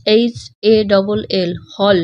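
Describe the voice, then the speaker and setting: A woman's voice: mid-range voice, fairly even intonation, slow pace, no room sound. A woman teacher taking children through a textbook lesson, spelling each word letter by letter and then explaining what it means. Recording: dull lo-fi, dry.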